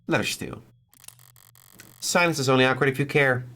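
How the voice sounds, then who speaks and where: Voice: mid-range voice, normal speed, fairly bright tone. A streamer giving casual, wry playthrough commentary and reading game text aloud, with irreverent asides. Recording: music playing behind the voice.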